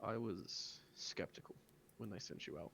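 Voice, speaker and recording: A man's voice: low voice, normal speed, creaky, background noise, voice pushed down. A man playing a stern, grave church-official father.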